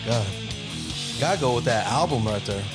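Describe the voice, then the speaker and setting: Man, casual podcast chat, cursing a lot, mid pitch, music clearly playing underneath. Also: a little fast. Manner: profane, excitable, laughing often. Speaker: podcast co-host.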